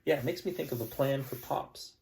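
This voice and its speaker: A male elementary school teacher with a gravelly, mid-range voice reads a picture book to his students a little fast. He narrates gently and calmly, stopping for chatty asides to the kids, and there's a slight hiss or hum in the audio.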